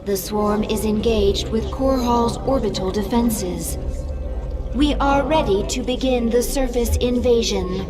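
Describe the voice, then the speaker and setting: An actress playing a dutiful female alien servant in a video game, reporting formally and deferentially in measured phrases. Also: on the high side, close to an everyday voice. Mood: dutiful, urgent. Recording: long reverb under music.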